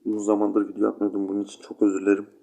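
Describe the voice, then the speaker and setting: A man's voice: lowish voice, monotone, very fast, creaky, mellow, low-quality recording. A sleepy young man with a stuffy nose, rambling chattily to his viewers while commenting on his gameplay. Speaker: gaming channel host.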